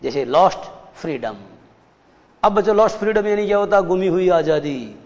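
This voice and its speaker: A man's voice: high voice, animated, moderate pace, a little mellow. A man with an Indian accent teaching an English class in Hindi and English. He explains step by step and asks his students questions. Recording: dull sound with long reverb.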